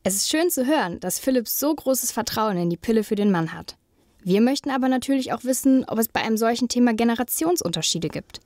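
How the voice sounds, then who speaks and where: A young woman co-hosting a student podcast, reading smooth scripted links between the interviews. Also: a little high, lively intonation, brisk, darkish tone, dry recording, clean studio sound. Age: young adult. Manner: smooth, read-from-script linking. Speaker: podcast co-host, journalism student.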